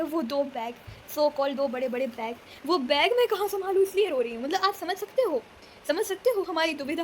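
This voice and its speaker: A young woman with a high voice chats to her viewers in a lively, dramatic way, often dropping English words into her sentences. A faint hum of noise sits behind her. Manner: chatty, dramatic, mixes English words into Hindi. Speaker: vlogger. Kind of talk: casual chat to camera.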